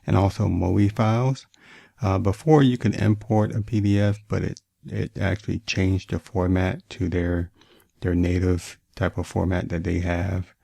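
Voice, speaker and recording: A man with braces talks through a casual device demo in a deep, mellow voice with little melodic movement. His speech has a slight lisp and slur as he narrates each step as a reviewer. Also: creaky, no echo, studio quality. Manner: talks through steps as they are done. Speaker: tech reviewer and host. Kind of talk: casual gadget demonstration.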